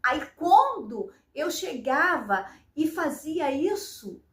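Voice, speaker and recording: A woman speaks straight to her viewers in a casual vlog, her voice high and her delivery emotional, often wavering near tears. She keeps checking in with her listeners with short tag questions as she talks. The sound carries the echo of a bare room. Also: very animated, slow pace, a bit bright. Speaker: vlogger. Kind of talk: casual personal storytelling.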